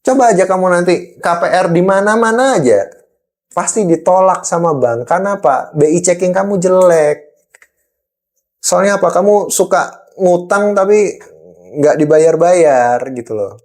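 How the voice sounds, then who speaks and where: A man's voice: sits high, a little slow, a little mellow. A man with an East Javanese Indonesian accent in a role-play monologue as an angry boss, scolding an employee with pointed rhetorical questions.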